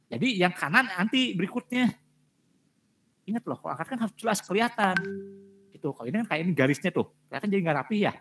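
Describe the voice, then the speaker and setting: Male lecturer, brisk delivery, blunt classroom feedback with repeated emphasis. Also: high voice, animated, music in the background. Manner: direct, repetitive emphasis with frequent fillers. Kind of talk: giving feedback on student presentations.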